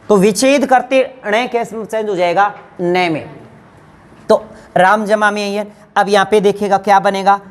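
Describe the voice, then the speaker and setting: A woman teacher giving a grammar lesson to exam students, asking questions and answering them herself. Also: mid-range voice. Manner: addresses students fondly as children.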